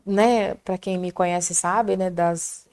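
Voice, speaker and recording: A middle-aged woman with a Brazilian Portuguese accent giving an animated, fervent faith testimony in casual chat. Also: fairly low pitch, slow. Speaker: prayer group guest.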